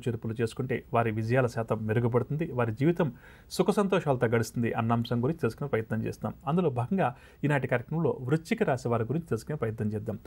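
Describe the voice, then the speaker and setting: A man presents a television astrology segment in a TV studio, laying out remedies for viewers. He talks at a brisk clip in a steady, explanatory flow. His voice sits at an ordinary middle pitch. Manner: fast, steady explanatory delivery. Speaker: astrologer host.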